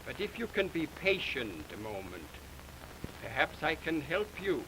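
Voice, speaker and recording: An actor playing a solemn Eastern mystic hypnotist who speaks slowly and gravely, heard as early talkie film sound. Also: male voice, fairly high pitch, very animated, noisy background. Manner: slow, measured, grave.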